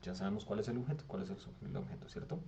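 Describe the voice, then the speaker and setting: A man's voice: on the low side, gravelly, mellow. A man with a Colombian Spanish accent teaching an English grammar class online, patiently explaining and often checking that students follow. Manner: reads English text aloud slowly. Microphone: computer mic on a video call.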